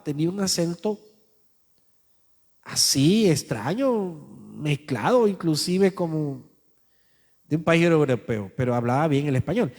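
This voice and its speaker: A man's voice: fairly high pitch, big-room sound. A male pastor preaching a sermon, telling a story in a conversational way and speaking straight to his listeners.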